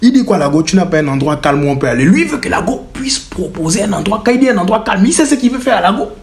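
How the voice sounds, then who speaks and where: A young man telling a funny personal story in a casual vlog, animated and laughing often. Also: high-pitched, fast.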